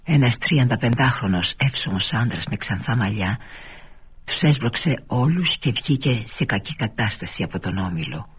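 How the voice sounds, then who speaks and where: A man reading a novel aloud for radio in a measured, deliberate storytelling manner, with a husky voice. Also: medium pitch, lively intonation. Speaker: reader of a novel. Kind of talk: literary audiobook narration.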